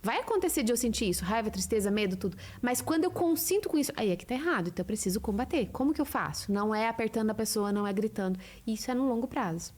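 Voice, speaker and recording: Fast-talking woman, higher voice. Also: lively intonation, darkish tone. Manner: explains with acted examples of parent and child speech. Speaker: early childhood education specialist. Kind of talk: casual podcast chat.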